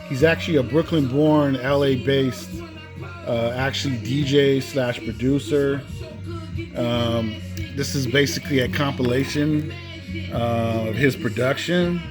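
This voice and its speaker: Unhurried and mid-range, this host's voice carries a laid-back tour of his cassette collection. The vlog is casual and unscripted, he often ends phrases with "man," and music sounds behind him.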